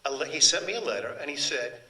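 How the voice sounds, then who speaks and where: Talking fast and animatedly, this older man has a high-leaning, creaky voice with a sharp tone. A translator and author whose native language is Sicilian, he gives a storytelling talk at a book event, rambling through anecdotes with many restarts. The hall echoes and the mic is placed far off.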